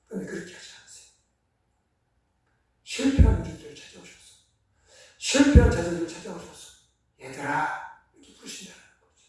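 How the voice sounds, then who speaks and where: A man preaching a Sunday sermon as pastor, earnestly swinging between loud emphasis and soft, hushed passages. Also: sits high, very echoey, far from the mic. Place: church sanctuary.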